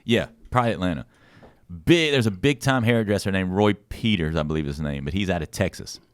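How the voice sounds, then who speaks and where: A man's voice: deep voice, lively intonation, fairly quick, clear, resonant tone, no echo, clean studio sound. A man hosting a podcast, telling a rambling, profane story in casual chat. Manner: profane storyteller acting out quoted voices. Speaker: podcast host.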